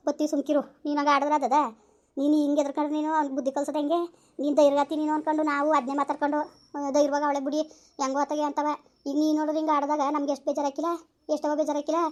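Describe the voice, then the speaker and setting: A middle-aged woman on a phone call, consoling someone in a firm, soothing way and repeating her reassurances. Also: high-pitched.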